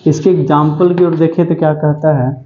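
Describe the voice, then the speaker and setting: A male English vocabulary teacher gives an exam-prep lecture, drilling each word repetitively with "ठीक है" and questions to himself. His voice is on the high side, brisk and fairly even, recorded in a roomy, dull lo-fi space with slight background noise.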